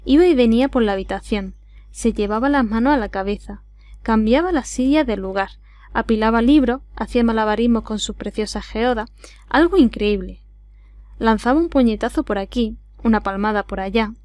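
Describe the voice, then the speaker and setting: Higher-pitched Andalusian woman reading a story. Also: normal speed, darkish tone, dry recording. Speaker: audiobook reader. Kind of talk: scripted narration of a classic adventure novel.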